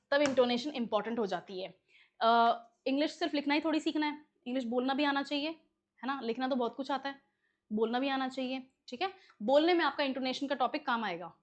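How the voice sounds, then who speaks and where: Woman teaching an English class. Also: high voice. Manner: explains step by step, often checks in with "okay?". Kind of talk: exam-prep lecture.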